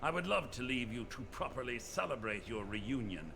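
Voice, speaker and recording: A man's voice: mid-range voice, animated, normal speed, gravelly, background noise. A suave boss villain from a video game, formal and mockingly courteous. His intonation moves widely, with faint ambience behind him. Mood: smooth menace. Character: suave, politely menacing male villain boss.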